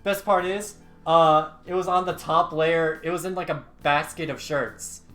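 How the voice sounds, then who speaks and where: A man's voice: fairly high pitch, steady tone, measured pace, bright, forceful tone, faint music behind. A young man chatting casually on a game stream, telling a long story full of fillers and the odd swear word.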